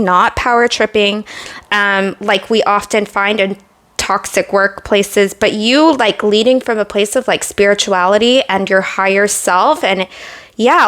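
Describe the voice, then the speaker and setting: A young woman with a fairly high voice talks through a tarot reading to her viewers. She rambles warmly with lots of "like" and "you know," sounding earnest and moved. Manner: chatty, many fillers, emotional and earnest. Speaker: tarot reader. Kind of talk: casual pick-a-card tarot reading.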